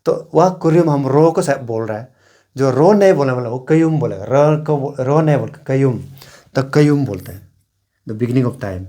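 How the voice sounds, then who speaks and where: A man's voice: mid-range voice, animated, warm tone. Guy from arunachal explaining how words sound, says every example word a few times, easygoing lesson. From Arunachal Pradesh, India. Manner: repeats example words slowly, pointing at regions. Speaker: language teacher.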